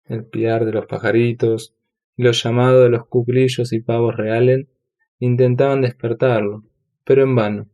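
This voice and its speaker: A man narrating a devotional audiobook in a measured, solemn reading. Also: mid-range voice, little pitch movement, dark tone, highs cut off. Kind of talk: scripted narration.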